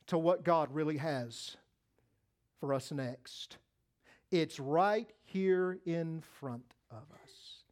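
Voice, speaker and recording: A man preaching a sermon in church, impassioned and storytelling, swinging from hushed appeals to shouts. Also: a little high. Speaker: pastor.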